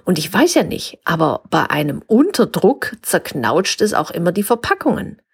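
A woman voicing a kind, clever young girl who explains things gently in a storybook tale. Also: on the low side, sing-song, normal speed, vocal fry, breathy edge, full character voice. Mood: gentle explaining.

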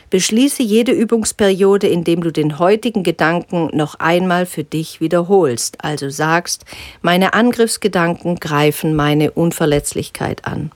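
A woman teaching a guided spiritual lesson, calmly instructive and sometimes dropping to a soft whisper. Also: mid-range voice, no room sound. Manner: calm, gently instructive, drops into soft whispers. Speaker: spiritual teacher guiding an exercise.

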